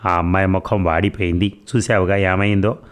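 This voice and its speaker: A man voicing a shy, quick-tempered young wife in a novel reading, with flustered, teasing replies. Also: sits low, flat delivery, close to an everyday voice.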